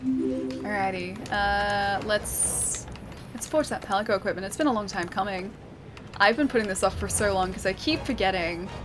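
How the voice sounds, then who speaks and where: Amid background noise, a woman with an Australian accent from Western Australia speaks at medium pitch and normal speed while playing a game on stream. She keeps things casual, laughing often and answering her chat.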